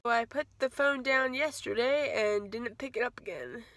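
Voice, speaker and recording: Woman, 30s, casual vlogger, rambling and self-correcting, slight fry, dry close phone sound. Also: fairly high pitch, normal speed, fairly bright tone, no echo. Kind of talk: casual vlog update. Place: home kitchen, then parked car. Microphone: phone at arm's length.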